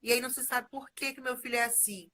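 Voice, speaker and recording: A woman with a bright, somewhat high voice speaks as a guest in a conversation. She explains her ideas in a measured, steady way and often closes phrases with a questioning tag. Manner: measured, explaining, frequent "né?" tags.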